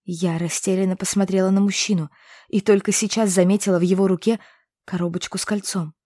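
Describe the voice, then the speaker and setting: A woman's voice: mid-range voice, steady tone, brisk, mellow, no room sound, studio quality. Woman reading a romance audiobook. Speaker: audiobook narrator. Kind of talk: first-person fantasy romance audiobook reading.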